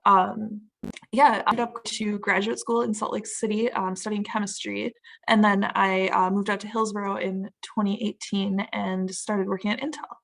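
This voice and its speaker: A woman's voice: medium pitch, level tone, moderate pace, creaky, a bit bright, rough recording. Woman with choppy, cutting-out audio. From Minnesota. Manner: hesitant, many fillers and restarts. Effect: choppy audio that keeps cutting out. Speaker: panel speaker. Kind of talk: casual talk on a video call. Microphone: video call.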